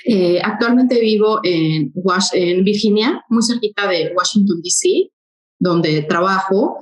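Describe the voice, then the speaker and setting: A woman from Mexico City speaks as a guest in an interview, recounting her story with fillers and sudden quick stretches. Her medium-pitched voice echoes in a roomy space, sounding like a remote call. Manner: conversational, hesitant fillers, quick in bursts.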